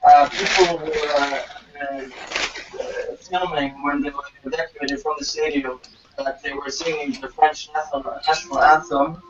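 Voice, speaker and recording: A man hosting a livestream, giving a halting, hesitant news update over a muffled call line that makes him sound underwater. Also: on the high side, level tone, background noise. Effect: muffled, underwater-sounding online call audio. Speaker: stream host. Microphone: remote voice call.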